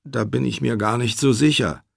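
A man voicing a sedated sick man in a hospital bed who mumbles slowly and drifts off. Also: mid-range voice, vocal fry, dry recording, clean studio sound, voice pushed up. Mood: drowsy.

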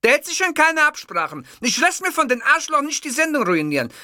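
A man's voice: a little high, big pitch swings, takes it slowly, fairly bright tone, husky, dry recording, clean studio sound, voice pushed up, full character voice. A man voicing a furious, vain male TV comedian who screams and curses in an audiobook reading. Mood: furious shouting. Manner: screaming insults, cursing.

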